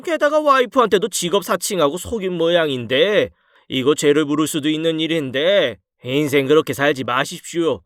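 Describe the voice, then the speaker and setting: A man's voice: on the high side, lively intonation, fairly quick, fairly bright tone, dry recording, studio quality. A man voicing a pompous middle-aged law firm boss who lectures and scolds. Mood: scolding.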